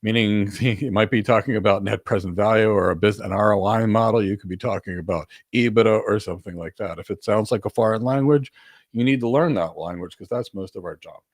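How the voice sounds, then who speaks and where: A man speaking a little fast in a fairly low voice hosts an informal Q&A as a career coach, answering audience questions. His delivery is assertive and emphatic, with repeated key words for stress, recorded in studio quality with no echo.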